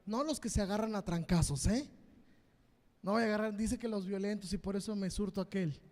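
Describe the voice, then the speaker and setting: A man with a Mexican Spanish accent preaching a sermon as pastor, fervent and repetitive, swinging between loud and quiet. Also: high-pitched, fairly quick, long reverb tail. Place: church hall.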